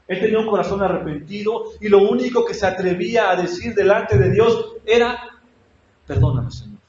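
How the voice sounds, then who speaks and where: A man's voice: sits high, a little fast, darkish tone, a little hiss or hum. A man preaching a sermon in a church, asking his congregation questions and acting out prayers with feeling. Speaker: pastor. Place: church hall. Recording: echoey church hall, dull lo-fi sound.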